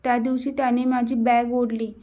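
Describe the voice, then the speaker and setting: A woman's voice: on the high side, flat delivery, moderate pace, dark tone, natural voice. A woman reading a timid young woman. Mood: fearful. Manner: meek and hesitant.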